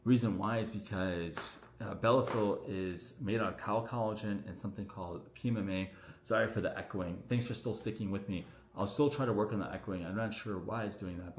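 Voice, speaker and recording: A man, a doctor, answering viewer questions on a casual livestream in a relaxed, chatty way full of fillers, his voice echoing around the room. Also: sits low, slight background noise. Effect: echoing room sound on the stream. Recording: echoey room audio on a livestream.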